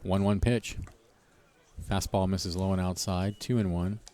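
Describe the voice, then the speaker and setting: A man calling live baseball play-by-play, steady and relaxed, with jokey asides between pitches. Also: measured pace.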